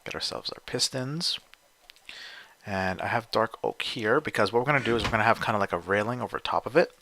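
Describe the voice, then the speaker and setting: A man's voice: fairly low pitch, brisk, sharp tone, a little hiss or hum. A young man casually commentating as he builds in a video game, rambling and thinking aloud with frequent fillers. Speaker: gameplay video host.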